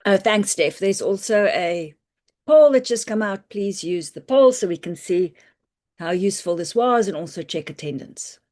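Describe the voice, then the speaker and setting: Hoarse woman doctor teaching online. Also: medium pitch, lively intonation, moderate pace, a little mellow. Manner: practical, reassuring, loose and conversational with many "um"s. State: hoarse, croaky voice with coughing. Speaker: family physician presenting a webinar. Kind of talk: online medical teaching talk. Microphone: computer mic on a video call.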